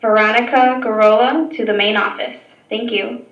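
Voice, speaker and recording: Woman calling a student to the office over the pa system, higher voice, echoey. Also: fairly even intonation, normal speed. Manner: formal, announcing. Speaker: school office staff. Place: school building. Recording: distant echoey loudspeaker, muffled.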